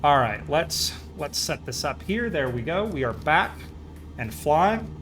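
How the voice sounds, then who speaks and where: A man's voice: fairly high pitch, very animated, measured pace. Easygoing man livestreaming, music behind. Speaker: live streamer. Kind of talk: casual chat while playing a flight simulator.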